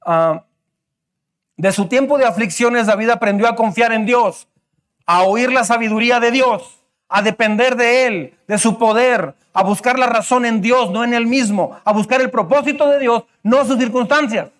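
A male pastor preaching a sermon. His voice sits high, and he drives his points home with emphatic repetition and rhetorical questions. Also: moderate pace, a bit bright.

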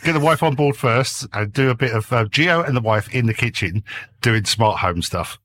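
A man's voice: medium pitch, normal speed. A man on a podcast as a guest, talking jokily through a noise-cancelled desk mic and laughing often. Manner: jokey, animated storyteller who laughs often. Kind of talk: casual chat.

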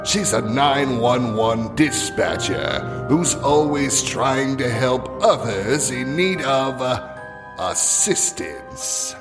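A man voicing a macabre, easily irritated horror shopkeeper who hosts an audio horror drama with slow, drawn-out, mock-sinister delivery. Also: medium pitch, big pitch swings, over music. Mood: menacing. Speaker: horror shop keeper host.

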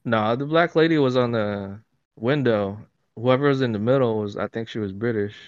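A man chatting casually on a podcast, teasing his friends and slipping into goofy put-on accents. His voice sits in an ordinary middle pitch. The recording is dry and somewhat dull. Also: normal speed, smooth, no room sound. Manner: joking, puts on silly accent voices. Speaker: podcast co-host. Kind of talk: casual chat.

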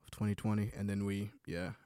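A man guest on a podcast, soft-spoken and hesitant, talking casually with many fillers. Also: lowish voice, little pitch movement, fairly quick, no echo, clean studio sound. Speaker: guest musician.

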